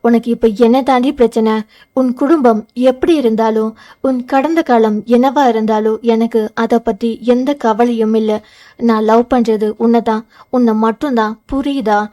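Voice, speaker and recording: An intense, stubborn young lover, voiced by a woman reader in an audio novel. The delivery is urgent and quick, with a somewhat high, mellow tone. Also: steady tone, natural voice. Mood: pleading. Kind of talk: audio novel character reading.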